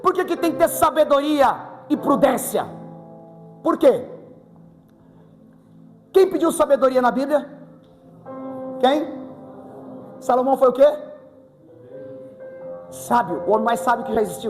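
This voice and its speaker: A middle-aged Brazilian pastor preaching a fervent sermon that rises to shouts, in a church. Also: male voice, very high-pitched, lively intonation, a little slow, pauses often. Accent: Brazilian Portuguese. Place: church sanctuary. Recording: long church reverb with music.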